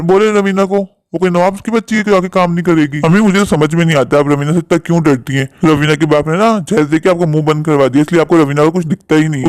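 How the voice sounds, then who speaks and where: A man's voice: high voice, smooth, no room sound, close to an everyday voice. A man voicing a righteous young son who lectures his mother in a cartoon story. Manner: lecturing, reproachful.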